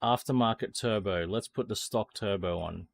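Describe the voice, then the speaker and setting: A man's voice: on the low side, moderate pace, creaky, dry recording. A man with an Australian accent streaming a racing sim, thinking aloud as he tunes a car and chatting with viewers, swearing now and then. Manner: swears casually. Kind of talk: casual live-stream commentary.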